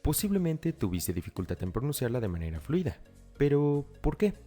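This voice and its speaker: A man's voice: mid-range voice, sing-song, a little fast, dark tone, faint music behind. A man giving a scripted language lesson, explaining step by step and speaking directly to the learner. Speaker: English teacher. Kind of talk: scripted tutorial narration.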